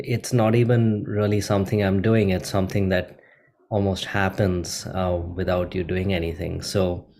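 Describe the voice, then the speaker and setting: A middle-aged man from India hosting a guided meditation, talking gently and unhurriedly with many ums and uhs. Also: fairly low pitch, vocal fry. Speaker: meditation host.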